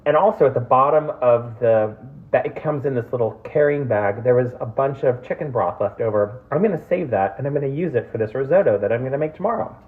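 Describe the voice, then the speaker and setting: Chatty man cooking, tinny audio. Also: medium pitch. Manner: chatty and gushing, with frequent ums. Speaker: home cooking host. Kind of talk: casual cooking demonstration. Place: home kitchen.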